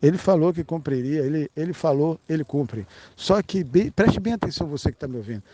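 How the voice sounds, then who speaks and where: Against a noisy background, a man with a Brazilian Portuguese accent delivers a rambling esoteric monologue at a fairly quick pace, his voice a little high and animated. He's blunt and emphatic, swears casually, and keeps checking in with the listener with frequent "tá?".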